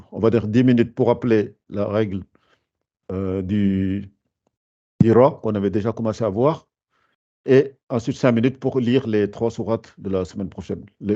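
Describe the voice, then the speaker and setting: Patient man teaching recitation, low dull sound. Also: warm tone. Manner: patient, explains step by step with many hesitations. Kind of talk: online tajwid lesson.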